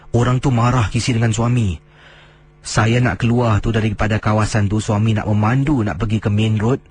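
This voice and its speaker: Man telling horror tales over music. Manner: dramatic storyteller, slows and drops low for suspense. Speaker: radio host reading listener stories. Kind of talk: late-night radio horror storytelling. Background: music bed.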